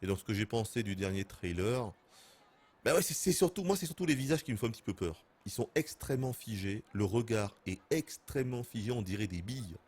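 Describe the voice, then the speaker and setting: Excitable man streaming a game. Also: fairly low pitch, fairly quick, few pauses, slightly rough. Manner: excitable, laughs and swears often. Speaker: gaming streamer. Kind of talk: casual gameplay commentary.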